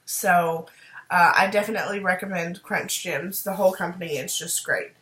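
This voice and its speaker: A woman chatting upbeat in a casual video diary, fighting off a cold and clearing her throat now and then, with frequent ums. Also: fairly low pitch, fairly even intonation, moderate pace, a bit bright. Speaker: video diarist. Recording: roomy echo.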